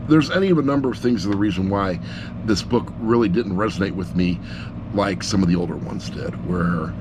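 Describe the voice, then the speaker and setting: His voice sitting low and his pace fairly quick, a middle-aged amateur reviewer offers a loose, unscripted take on an audiobook. He's blunt, rambling and self-deprecating, recorded over background noise by an action camera atop a laptop.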